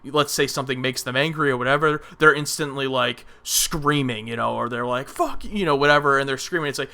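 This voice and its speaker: Bright, clear-voiced man reviewing films. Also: mid-range voice, fairly even intonation, fairly quick. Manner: opinionated, rambling with restarts and filler. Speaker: podcast co-host. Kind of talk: casual film review chat.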